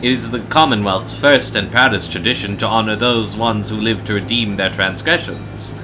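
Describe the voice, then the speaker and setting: Guy reading as a wise game mentor, kinda low, formal and rhetorical, clear background noise. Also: moderate pace, natural voice. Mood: measured, persuasive. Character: tall, learned male mentor, measured and persuasive. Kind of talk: reading video game dialogue aloud.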